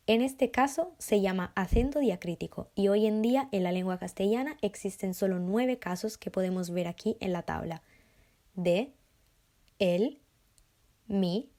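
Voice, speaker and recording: Woman w/ a mellow voice reading grammar rules, calm and careful, mid pitch. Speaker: student presenter. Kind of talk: scripted grammar explanation.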